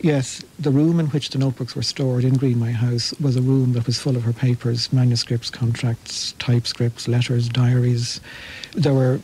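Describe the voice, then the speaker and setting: Male guest expert, monotone-leaning, chatty, enthusiastic storyteller. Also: medium pitch, moderate pace, slight background noise, low-quality recording. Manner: enthusiastic, anecdotal, slight restarts. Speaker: literary researcher guest. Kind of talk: conversational radio interview.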